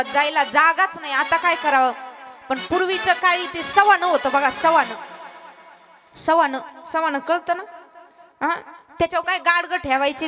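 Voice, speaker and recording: A woman telling a lively, playful devotional story sermon. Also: sits high. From Maharashtra. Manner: lively, playful, laughing at her own jokes. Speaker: kirtankar, storyteller. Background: music.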